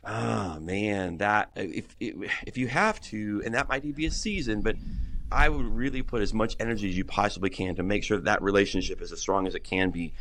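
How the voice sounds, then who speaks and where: Middle-aged male pastor guest, earnest, rambly, restarts a lot, lower register. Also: normal speed, a bit bright, a little hiss or hum. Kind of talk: casual podcast conversation.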